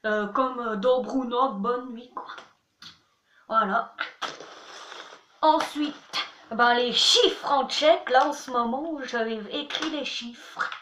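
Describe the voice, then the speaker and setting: A woman's voice: a little high, slow pace, long pauses, fairly bright tone, slight background noise. A young woman in a casual vlog, chatty and playful, teaching words and poking fun at herself. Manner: chatty, playful, self-mocking. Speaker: vlogger. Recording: echoey room, mic at a distance.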